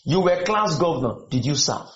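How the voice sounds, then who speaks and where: A man with a fairly high voice and lively intonation, speaking at a normal pace, preaches a sermon to students in call-and-response form, questioning them, exhorting, and repeating lines. It was recorded in an echoey room with dull, lo-fi sound.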